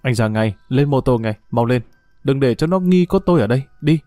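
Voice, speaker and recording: A keen, intense young detective , read by a man in a mellow, low-key voice. He talks with clipped urgency and cool confidence. The sound is dry, with soft music behind. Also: lively intonation, normal speed, no room sound, lightly acted. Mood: urgent.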